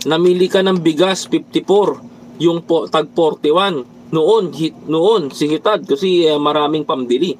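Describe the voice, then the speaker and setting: A man's voice: a little high, a little slow, a little hiss or hum, rough recording. A man from the Philippines doing a casual political commentary livestream, preaching to his viewers, reading their comments and dropping English phrases into his talk. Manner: preachy, repeatedly addresses viewers as brothers and countrymen.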